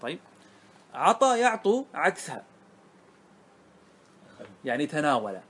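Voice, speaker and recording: Man, grammar teacher, classroom lesson, fairly high voice, asks checking questions, repeats words. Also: big pitch swings, measured pace, fairly bright tone, slightly rough. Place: classroom with students.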